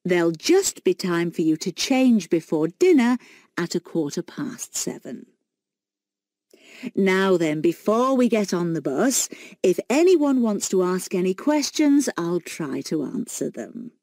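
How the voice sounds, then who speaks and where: A woman playing a friendly, organised tour guide, speaking in a measured, scripted way for a listening exercise. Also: fairly low pitch, sing-song, mellow, dry recording, clean studio sound. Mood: friendly, informative. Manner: measured, clearly phrased announcing. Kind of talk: scripted listening-test monologue.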